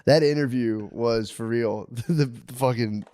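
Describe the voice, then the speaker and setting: A man co-hosting a podcast, animated and swearing freely, often breaking into laughter. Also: medium pitch, unhurried. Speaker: podcast co-host. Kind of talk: casual crude banter.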